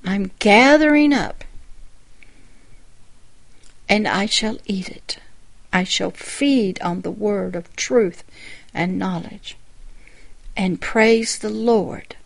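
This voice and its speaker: A woman pastor giving a sermon-style personal testimony, telling the story in a reflective way with quiet asides. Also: medium pitch, slow pace, vocal fry, pauses often.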